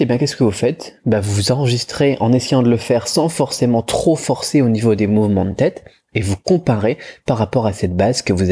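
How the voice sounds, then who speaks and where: A Chinese language teacher with a lowish, dark, slightly rough voice gives a chatty video lesson on pronunciation. He uses lots of fillers and restarts, and he moves his head to demonstrate the tones.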